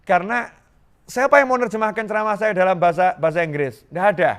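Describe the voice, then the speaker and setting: Man, middle-aged, from Indonesia, sermon preacher, playful, repeats key words, slightly high voice. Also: fast. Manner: lively, joking, repeats phrases for emphasis. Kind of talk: Islamic sermon to a live congregation.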